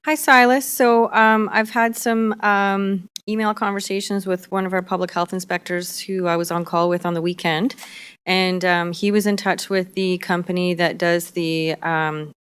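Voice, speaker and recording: A woman doctor answers questions at a government health briefing. Her voice sits a little low and is strikingly smooth and clear. She speaks in a measured way, filling pauses with "um" and "uh". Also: steady tone, a bit bright. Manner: measured, with frequent fillers.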